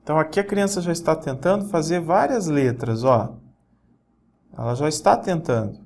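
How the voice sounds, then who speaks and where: A man's voice: fairly high pitch, expressive, moderate pace, a little mellow, a little hiss or hum. A man giving a recorded online lesson, pointing at examples and often checking in with listeners. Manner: explanatory, points at examples on screen; frequent checking tags and self-corrections. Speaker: teacher.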